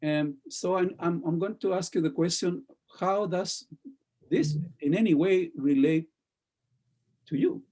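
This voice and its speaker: A male teacher talks through his critique of a student speech on a video call. His voice is fairly high for a man but has a dark, mellow tone. He halts often, restarts his sentences, and keeps checking in with "okay?". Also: a little slow. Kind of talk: classroom feedback.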